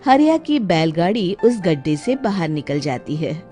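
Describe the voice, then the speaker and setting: A woman's voice: lowish voice, big pitch swings, unhurried, mellow, soft background music. A woman narrating a scripted story as its storyteller.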